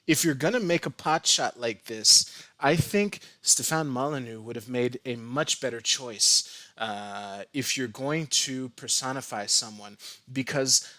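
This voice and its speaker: A man talking casually on a live stream, halting often with restarts and repeated words, into a close desk microphone. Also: medium pitch, bright, forceful tone, no room sound.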